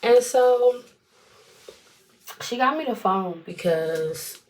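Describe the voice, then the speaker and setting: A woman's voice: on the high side, lively intonation, drawn-out words, a little mellow, rough recording. A woman in her twenties tells a personal story in a chatty, colloquial way, rambling and dropping in little asides as she goes. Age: 20s.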